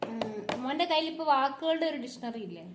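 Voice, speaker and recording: Woman, 30s, from Kerala, home vlogger and mother, fast talker, echoey kitchen, phone mic. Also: sits high, a little hiss or hum. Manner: chatty, talks to viewers while chopping vegetables. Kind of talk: casual chatty home vlog. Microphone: phone propped up without a stand.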